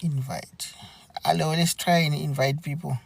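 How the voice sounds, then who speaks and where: A man hosts a live stream in a slightly raised voice. He talks very slowly, in an earnest, halting way, often circling back over his own words. The sound is dry, with no room echo. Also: a little high, steady tone, gravelly, slightly rough. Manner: halting, earnest, repeats himself. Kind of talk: unscripted live commentary.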